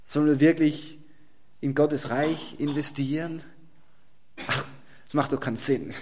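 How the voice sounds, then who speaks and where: A male preacher giving a sermon and reading scripture, swinging from loud emphasis down to a soft near-whisper. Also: fairly high pitch, unhurried, noisy background.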